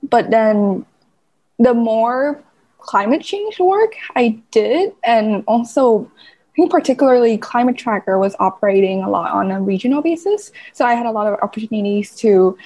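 Young female guest from Vietnam, slightly high pitch, relaxed conversational read. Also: moderate pace. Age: young adult. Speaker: guest, climate journalist. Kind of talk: casual interview chat.

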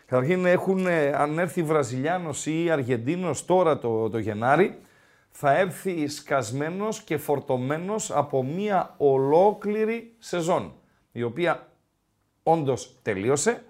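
A man's voice: fairly high pitch, animated, a little mellow. A male sports radio host talking football in a casual, rambling way with many filler sounds, in a radio studio.

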